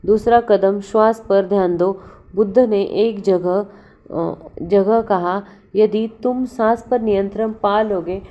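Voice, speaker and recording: A woman giving a calm spiritual self-help talk, unhurried and often restarting her words as she advises. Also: medium pitch, highs cut off. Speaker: motivational speaker.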